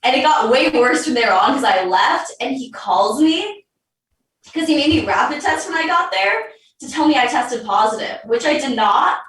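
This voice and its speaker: A woman's voice: high-pitched, animated, normal speed, fairly bright tone. A young woman guest telling a story casually, full of "like" fillers. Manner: chatty, lots of "like" fillers. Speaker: podcast guest. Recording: roomy, distant mic.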